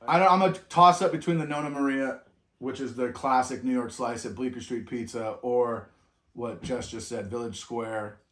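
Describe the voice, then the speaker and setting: This middle-aged Californian co-hosts a travel vlog, speaking at normal speed with a steady, medium-pitched, slightly bright voice. His reflective, casual talk rambles loosely, full of restarts and trailing off, in an echoey room.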